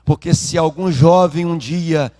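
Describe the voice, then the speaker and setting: A pastor telling a personal testimony in a sermon, emotional and speaking to the congregation. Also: male voice, on the high side, measured pace, dark tone. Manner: emotional storytelling, addresses congregation.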